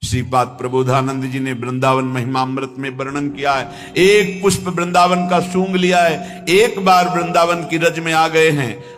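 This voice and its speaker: A man giving a devotional discourse as a spiritual teacher, slow and emphatic, breaking into chanted verses. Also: on the high side, fairly even intonation, fairly bright tone, soft background music. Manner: chants Sanskrit verses in a slow sung tone between plain explanation.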